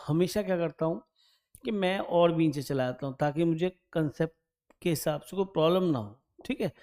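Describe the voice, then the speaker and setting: A man's voice: fairly high pitch, a little mellow. A man teaching an exam-prep maths lesson, solving a problem step by step. He thinks aloud as he calculates, hums while checking numbers, and keeps turning to his students with "right?". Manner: chatty, addresses students directly and keeps asking "right?".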